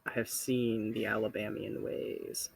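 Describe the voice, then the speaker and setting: A man's voice: on the low side, huge pitch swings, a little slow, creaky, husky, rough recording. A man running a tabletop game as game master, narrating in a laid-back, offhand way.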